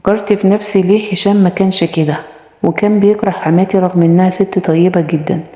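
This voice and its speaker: A woman's voice: on the low side, fairly even intonation, fast, warm tone. A woman with an Egyptian Arabic accent narrating a first-person story, reading every character in her own voice. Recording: echoey room with long reverb.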